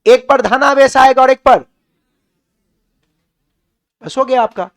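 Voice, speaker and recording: A man's voice: very high voice, takes it slowly, vocal fry, a bit bright. A male physics teacher with a Bihari Hindi accent, lecturing a class and asking questions he then answers himself.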